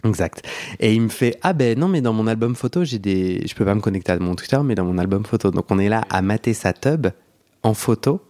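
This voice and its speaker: Chatty young man with a low voice. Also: animated, brisk, dark tone. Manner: chatty, laughing, many restarts and fillers. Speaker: podcast host. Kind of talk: casual storytelling chat.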